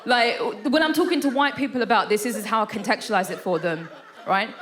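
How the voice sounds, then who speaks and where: Talking fast in a fairly high voice, this thirty-something comedian delivers a chatty, self-deprecating stand-up set on a theatre stage. She keeps tossing in "right?" asides, and the crowd can be heard in the background.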